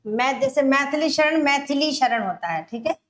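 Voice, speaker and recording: A woman teaching Hindi grammar for an exam, explaining step by step and repeating words slowly. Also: sits high, lively intonation. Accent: Rajasthani Hindi. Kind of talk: exam-prep grammar lesson.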